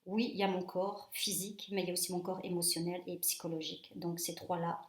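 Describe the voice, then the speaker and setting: A woman's voice: lowish voice, quick pace. French woman in her forties, echoey room. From France. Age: 40s. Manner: relaxed, hesitant with frequent fillers. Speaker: reflexologist presenting her practice. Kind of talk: casual self-introduction to camera.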